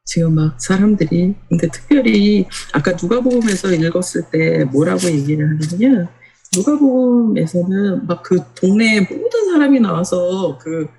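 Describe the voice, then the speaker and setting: Husky-voiced woman pastor preaching. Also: fairly low pitch, lively intonation, moderate pace, warm tone, rough recording. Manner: explains Bible passages, asks the congregation questions. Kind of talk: sermon.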